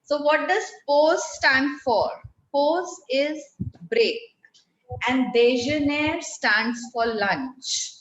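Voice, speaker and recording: A woman's voice: high-pitched, extremely slow, a bit bright. A woman teacher giving an online class, patiently saying words for her pupils to repeat. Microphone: laptop mic on a video call. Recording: roomy lo-fi video call audio.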